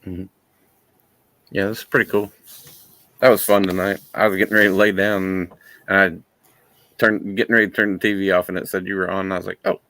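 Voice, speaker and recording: Man, live stream guest, laid-back chat, deep flat voice. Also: fairly quick, long pauses, no room sound. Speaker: guest caller. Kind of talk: casual chat.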